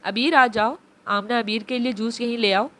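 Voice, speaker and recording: A woman's voice: a little high, steady tone, normal speed, close to an everyday voice. A woman doing a kind, reassuring older lady. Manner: warm reassuring. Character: kind older woman, comforting mother-in-law.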